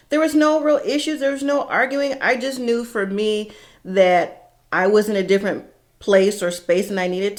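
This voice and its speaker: In a mid-range voice, a middle-aged woman candidly recounts something from her own life. Her delivery is relaxed and conversational, punctuated by dramatic pauses.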